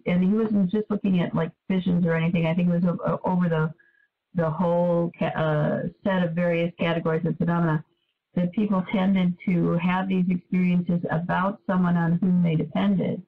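A woman hosting for a foundation, chatting casually in a webinar, speaking haltingly and repeating words as she searches for them. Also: lowish voice, little pitch movement. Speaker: host for a foundation. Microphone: video call. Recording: tinny phone-like call audio.

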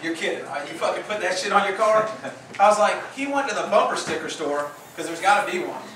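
A man's voice: animated, fast talker. A young man doing a crude, rambling stand-up comedy set on a club stage, with audience laughter behind him. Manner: crude, rambling, puts on high voices for women. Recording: far from mic, echoey club, loud noise.

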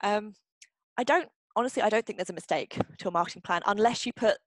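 A woman's voice: medium pitch, fast talker, dry recording, low-quality recording. A young woman hosting a publishing workshop, reading out questions and answering them in a chatty way, with frequent ums and restarts. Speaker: publishing marketing workshop host.

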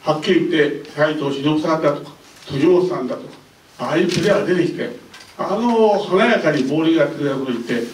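An older man in his seventies, a bowling federation director, giving polite, unhurried press conference remarks into a handheld mic. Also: fairly high pitch, a little hiss or hum. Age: older, about 70s. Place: indoor press conference room. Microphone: handheld microphone. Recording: roomy, mic a bit distant.

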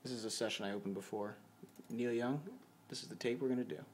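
In a dim room at his home computer, a man gives a casual, unscripted tour of his home studio, poking fun at himself along the way. His mid-range voice is fast with fairly even intonation. The handheld camera or phone mic picks up a little hiss or hum, with music playing in the background.

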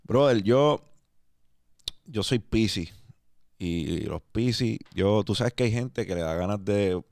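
A man's voice: lowish voice, measured pace, creaky, darkish tone, dry recording, studio quality. A man with a Puerto Rican accent hosting a podcast, laid-back and slangy, slipping English words into his Spanish. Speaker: podcast host. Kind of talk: casual interview. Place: podcast studio.

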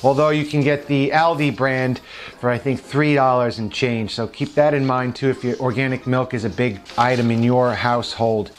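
Man, New Jersey accent, casual vlog talk, opinionated, restarts often, light music behind. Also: medium pitch. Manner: chatty and opinionated, with frequent restarts. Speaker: vlog host. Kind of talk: casual commentary on store flyers.

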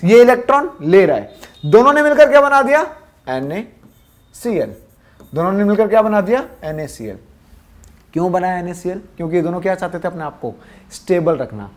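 Male teacher drilling questions and answers. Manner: asks quiz questions and answers them himself in a lower voice; repeats key answers drill-style. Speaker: science teacher. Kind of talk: classroom lesson.

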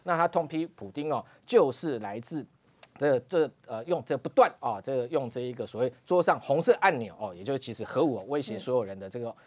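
A man speaks in a Taiwanese Mandarin accent as a studio commentator, laying out his analysis at a brisk, rapid clip. He ends phrases with drawn-out "哦" particles, and his voice sits in a middle pitch that leaps up for emphasis. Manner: frequent "哦" particles, emphatic rises. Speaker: political commentator. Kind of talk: TV talk show analysis.

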